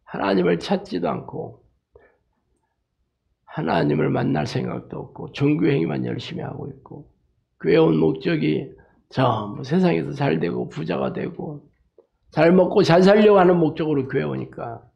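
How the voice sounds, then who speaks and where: A man's voice: fairly high pitch, expressive, normal speed, vocal fry, a little mellow, highs cut off. A male pastor preaching a sermon emphatically, breaking in with rhetorical tag questions and anecdotes. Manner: emphatic, frequent rhetorical "eh?" tags; tells jokes and anecdotes.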